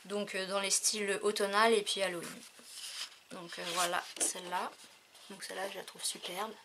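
A woman's voice: mid-range voice, level tone, normal speed, noisy background. A French woman chatting casually through a crafting haul video, with many fillers as she shows her purchases. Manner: chatty, many fillers, counting and showing items. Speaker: crafting vlogger.

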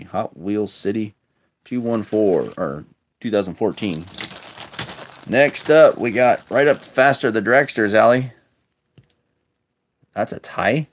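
A man casually commenting while opening a lot of old toy cars, chatty and wry with muttered asides, filmed on a handheld phone at a table indoors. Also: fairly low pitch. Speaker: toy collector vlogger. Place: indoors at a table, filming toys close up.

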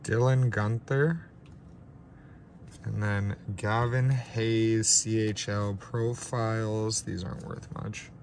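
Speaking slowly in a fairly low, level voice, a congested young man gives unscripted commentary as he opens trading card packs, occasionally putting himself down. He's in a small ring-lit room, and there's slight background noise.

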